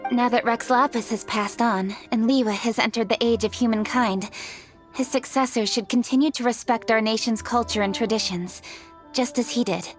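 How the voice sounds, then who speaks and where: An actress playing an earnest young female scholar who explains old traditions in a measured, thoughtful way. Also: a little high, close to an everyday voice.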